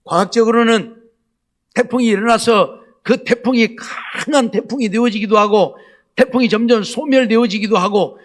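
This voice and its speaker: A man's voice: very high-pitched, normal speed. A male pastor preaching a Sunday night sermon, asking the congregation rhetorical questions again and again. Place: church sanctuary.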